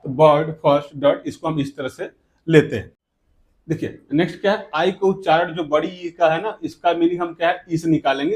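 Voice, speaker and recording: A man teaching an English pronunciation lesson who keeps asking rhetorical questions, answers them himself, and repeats example words slowly. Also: a little high, a little mellow. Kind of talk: classroom grammar lesson.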